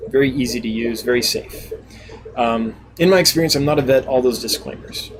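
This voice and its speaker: A man's voice: medium pitch, a little fast, a little hiss or hum, rough recording. A man hosting a casual live stream, reading out viewer comments and answering them in a chatty, laughing, self-deprecating way. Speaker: live stream host and fish seller.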